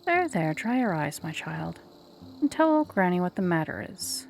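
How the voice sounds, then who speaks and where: A woman's voice: lowish voice, big pitch swings, normal speed, vocal fry, slight background noise. A woman voicing a blunt, teasing old granny who makes dry wisecracks.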